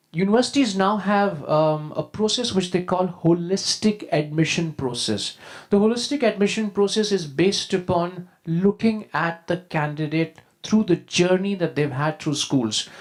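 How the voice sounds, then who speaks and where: A man with an Indian accent giving a prepared talk as a school leader, in a formal, measured and emphatic way. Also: sits high. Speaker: school deputy head, conference speaker. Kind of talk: prepared presentation to an audience.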